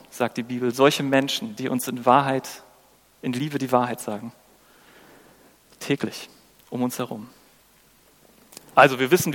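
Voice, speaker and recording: In a hall with long reverb, a man delivers a sermon that feels engaging and conversational. His voice is medium in pitch and a bit bright, and he keeps asking his audience rhetorical questions while performing the quotes he cites.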